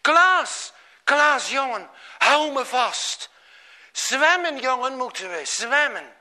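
A man voicing a worried skipper who shouts urgently to his deckhand during a storm at sea. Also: extremely high pitch, slow pace, voice pushed up, heavily acted. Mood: urgent shouting.

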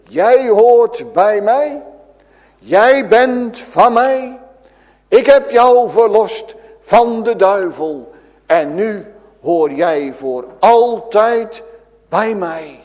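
A man voicing Jesus as a calm, authoritative healer, making solemn, emphatic declarations in a church. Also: high-pitched, slow pace. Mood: tender. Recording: echoey church hall.

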